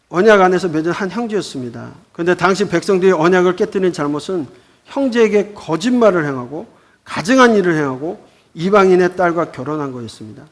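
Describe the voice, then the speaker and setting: A man teaching a Bible school lecture, explaining scripture with rhetorical questions. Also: high voice.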